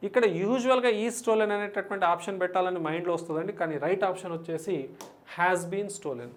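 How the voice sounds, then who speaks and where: A man teaching an exam-prep English lesson, often checking in with quick questions to his students and slowing down to spell out example sentences. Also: high voice. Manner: checks in with frequent quiz questions to the class.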